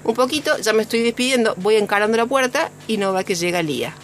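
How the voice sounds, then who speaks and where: A woman in her forties with a Rioplatense Spanish accent, telling a story in animated casual chat and acting out the voices of others. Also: fairly high pitch, fast, slight background noise. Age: 40s.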